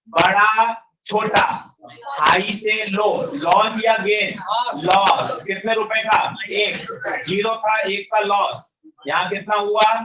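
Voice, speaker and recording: A male teacher giving a lively classroom physics lecture, drilling students with rapid questions and urging them on. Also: sits high. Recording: dull roomy classroom sound from a distance.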